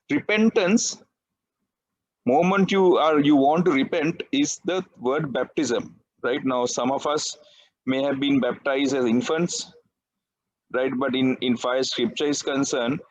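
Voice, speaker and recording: A man's voice: medium pitch, poor audio. A man, preaching a sermon in a conversational way and often checking in with "right?". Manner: conversational, peppered with "right?" tag questions. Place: church.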